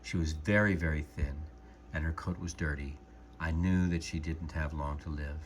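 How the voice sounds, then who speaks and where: A man calmly and gently reading a storybook aloud as narrator. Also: rumbling low, slight background noise. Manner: calm, gentle, measured narration.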